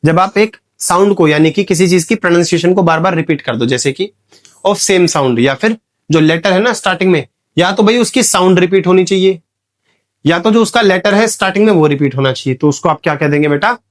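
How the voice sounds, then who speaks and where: A man with a high-sitting voice gives an exam-prep classroom lecture on English grammar. He poses questions to the students and answers them himself, reading the examples slowly and sounding out the letters.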